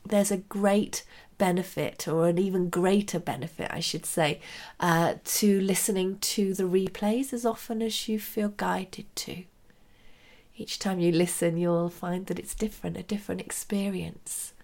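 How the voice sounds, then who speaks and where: A woman speaking as a spiritual meditation teacher, gentle and measured, pausing between phrases. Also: on the low side, fairly even intonation. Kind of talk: unhurried spiritual guidance talk.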